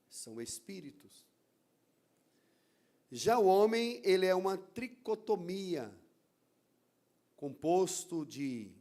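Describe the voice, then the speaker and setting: A Brazilian pastor delivers a sermon in an unhurried, drawn-out way. His voice sits high for a man, and he leans hard on key words. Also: darkish tone. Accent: Brazilian Portuguese. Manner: deliberate, emphatic preaching with stressed words. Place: church.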